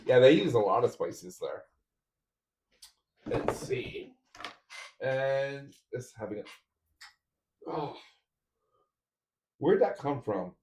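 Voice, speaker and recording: A man's voice: mid-range voice, very animated, slow pace, pauses often, a little mellow. Rambling man chatting in a roomy space. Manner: rambling, chatting with viewers while assembling. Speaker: 3D printer build streamer. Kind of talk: casual livestream chat while building. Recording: roomy echo.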